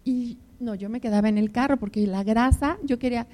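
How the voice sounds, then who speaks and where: Older woman, pastor for couples: heartfelt storytelling sermon, voice sits a bit high. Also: brisk. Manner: emotional storytelling with personal anecdotes; addresses listeners warmly as beloved ones. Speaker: preacher speaking to married couples. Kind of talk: conversational sermon.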